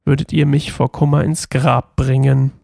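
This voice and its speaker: A man voicing a grieving old father who refuses to let his son go, read slowly in a gravelly voice. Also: mid-range voice, level tone, dark tone, dry recording, clean studio sound. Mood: lamenting.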